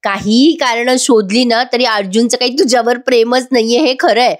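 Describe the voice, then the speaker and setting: A woman's voice: fairly high pitch, fairly even intonation, moderate pace, close to an everyday voice. Mischievous young woman, needling, mocking tone, read by a woman. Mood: teasing.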